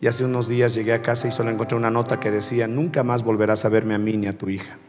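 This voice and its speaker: Injured young drunkard, played by a man, pained, subdued, low, reverberant hall, faint music. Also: level tone, very fast, natural voice. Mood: despairing.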